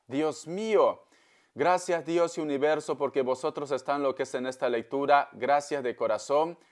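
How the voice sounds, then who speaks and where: A man giving a tarot reading, telling a parable and calling the listener darling, with frequent talk of God. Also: a little high. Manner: calls the listener "darling" often, preachy storytelling; religious, invokes God often. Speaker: tarot reader. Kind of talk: tarot reading monologue to camera.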